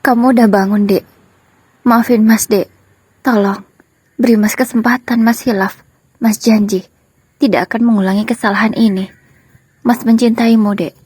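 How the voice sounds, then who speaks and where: A woman reading the part of a guilty young husband, pleading softly and apologetically with his wife in a spoken story. The voice is mellow and a little breathy, recorded close and dry. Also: fairly high pitch, steady tone, normal speed, long pauses, no room sound.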